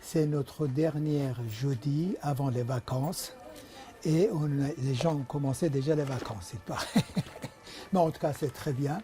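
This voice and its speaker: A man hosting a bookshop event, introducing a guest speaker in a halting manner. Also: fairly high pitch, warm tone. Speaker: bookshop host.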